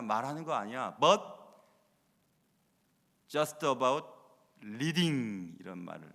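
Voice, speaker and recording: A man preaching a sermon as pastor at live worship, acting out quoted lines with loud bursts and mixing in short English phrases. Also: on the high side. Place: church sanctuary during live worship. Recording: long hall reverb from church sanctuary.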